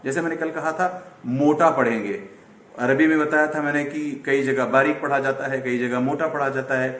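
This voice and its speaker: A man teaching English pronunciation in an online lesson, patiently repeating words slowly as drills and mixing in English terms. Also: medium pitch, a bit bright, reverberant. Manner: mixes Hindi-Urdu with English words.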